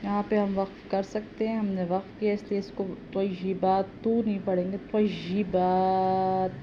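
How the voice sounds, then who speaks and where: A woman teaching correct prayer recitation, chanting each verse slowly and then explaining it quickly and quietly. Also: mid-range voice, little pitch movement. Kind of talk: tajweed lesson with slow chanted recitation. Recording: slightly dull audio with faint background noise.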